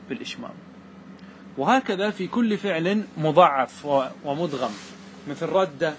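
A man with a slightly raised pitch teaches a classroom grammar lesson. He recites verse lines slowly and deliberately, then breaks them down and keeps checking that his students follow. A faint hum of room noise sits behind his voice. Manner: checks understanding with repeated questions to students.

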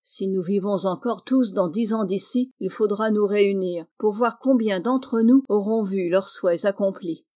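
A woman's voice: mid-range voice, normal speed, few pauses, mellow, natural voice. A woman voicing a bold, ambitious teenage girl with a spirited, eager manner, read from a storybook.

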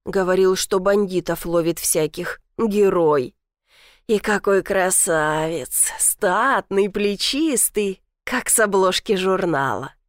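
A woman's voice: medium pitch, slow pace, no echo, clean studio sound, natural voice. A woman voicing a teasing, doting old village grandmother who talks in a folksy, sly way.

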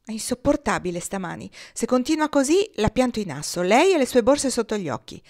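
A woman's voice: on the high side, big pitch swings, brisk, darkish tone, voice pushed up. A woman reading aloud, voicing a tired, grumbling middle-aged man who complains about a difficult actress. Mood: irritated.

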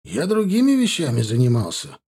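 A man voicing a blunt elderly man with a raspy voice. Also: medium pitch, brisk, heavily acted. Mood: offhand. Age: older. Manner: blunt and rough, calmly reassuring.

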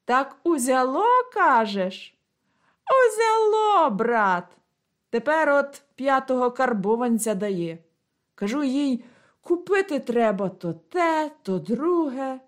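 A woman's voice: high-pitched, expressive, unhurried. A woman voicing a swaggering young man who boasts and mocks, in a storybook reading. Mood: boastful, mocking. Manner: cocky, jeering.

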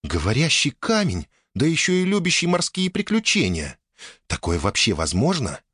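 Flustered young elf shopkeeper, voiced by a man, much higher than his own voice, full of exclamations. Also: wildly swooping pitch, moderate pace, a bit bright, slightly rough, no echo, clean studio sound, full character voice. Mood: exasperated.

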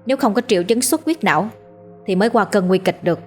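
A woman voicing a tired male doctor who speaks in a measured, reassuring way. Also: mid-range voice, lively intonation, soft background music, lightly acted. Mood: calm. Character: tired male hospital doctor, calm and businesslike.

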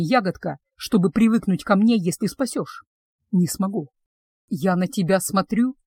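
A woman voicing a cursed young man, a tender unseen suitor who talks softly and slowly in a low voice. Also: breathy edge, no echo. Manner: soft, low and slow-spoken.

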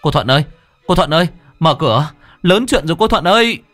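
A man's voice: on the high side, animated, brisk, fairly bright tone, soft background music, voice pushed up. A man voicing a frantic neighbor calling urgently at a landlady's door.

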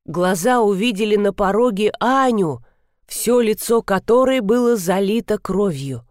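A woman narrates an audiobook, reading a scripted first-person story in a measured, even storytelling style. Her voice is mid-range, and the recording is clean studio sound without any room sound.

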